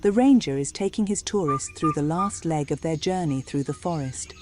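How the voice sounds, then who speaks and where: Female nature documentary narrator, lowish pitch, animated range, slightly dark tone, faint music bed. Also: normal speed.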